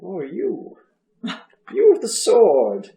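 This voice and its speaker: A man putting on a lonely old woodland hermit, gentle and friendly with a slight waver to his words. The voice sits higher than usual and swings up and down with plenty of movement. The sound carries a roomy echo. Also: wildly swooping pitch, extremely slow, exaggerated voice. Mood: wary.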